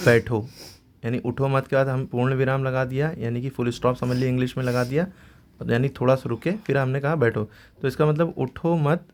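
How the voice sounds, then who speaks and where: A man's voice: medium pitch, darkish tone. A man teaching a grammar lesson to students, patiently explaining and often checking in with "okay". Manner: patient, repeats "ठीक है" often.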